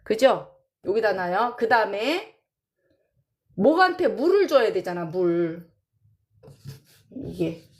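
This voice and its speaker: A saju teacher with a medium-pitched voice and big pitch swings lectures her class in a casual style. She draws out terms and repeats them while she counts and writes.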